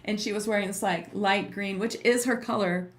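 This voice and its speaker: A woman's voice: medium pitch, fairly even intonation, moderate pace. A woman hosting a casual livestream as a teacher, chatting with viewers in an informal, giggly, effusive way. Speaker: host and trance channeling teacher.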